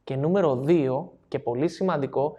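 A man's voice: on the high side, warm tone, muffled recording. A man coaching an audience in a seminar talk, explaining step by step, repeating key phrases and checking that listeners follow. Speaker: NLP coach.

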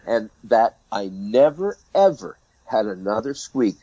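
A man's voice: on the low side, sing-song, measured pace, dark tone, dull audio, a little hiss or hum. An older man, a retired hockey referee, telling a story as a guest in an interview and acting out the exchanges.

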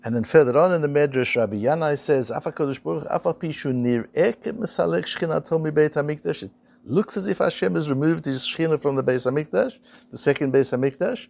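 A man's voice: on the high side, vocal fry, darkish tone. A man teaching a Talmud lesson, reading Hebrew and Aramaic quotes, translating them and asking rhetorical questions. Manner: explains slowly, reads Hebrew and Aramaic quotes then translates. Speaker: Torah teacher.

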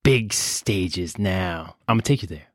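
A man's voice: low-pitched, a little slow, no echo, studio quality. A man playing a tabletop role-playing game, joking and slipping in and out of character. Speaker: player.

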